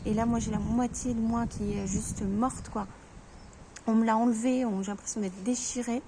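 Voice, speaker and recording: Woman vlogger, fairly high, mellow voice, halting speech with stammers, faint background hiss. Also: steady tone. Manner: halting, stammering, many restarts. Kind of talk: personal grief vlog, talking to viewers.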